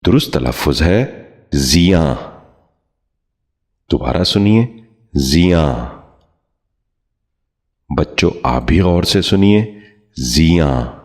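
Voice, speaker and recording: A man giving a scripted pronunciation lesson, speaking slowly and formally and repeating each word with care. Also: low voice, darkish tone. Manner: formal courteous address. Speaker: Urdu pronunciation teacher.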